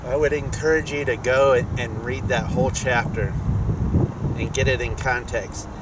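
Beside a park pond, a middle-aged man makes a casual fishing vlog, his medium-pitched voice fairly even as he speaks slowly, stumbling through "uh"s, pauses and restarts. Outdoor noise runs underneath, and the footage shifts from a stand-mounted camera to a head-mounted one.

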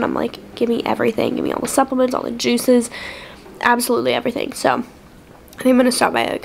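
A sick young woman vlogging in a low, careful voice, her throat sore and her nose stuffed up. Her tone sits a little high with a gravelly fry underneath, and a faint hum of background ambience runs behind her. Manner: speaks quietly to spare her throat. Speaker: lifestyle vlogger. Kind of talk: casual vlog talk to camera. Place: apartment in New York, then out around the city.

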